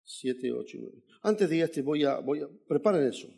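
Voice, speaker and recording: Guest preacher, male, fairly high voice, animated testimony-style sermon to a church crowd. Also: moderate pace, creaky, breathy edge. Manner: animated storyteller, calls out "amen" to the congregation.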